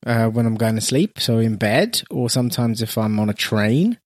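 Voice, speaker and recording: A man bantering on a comedy podcast, his pitch bouncing all over as he jokes and teases. The sound is close and dry, with no room in it. He laughs a lot between lines. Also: animated, moderate pace, dry recording. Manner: jokey, teasing, lots of laughter. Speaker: podcast co-host. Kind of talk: casual comedic chat.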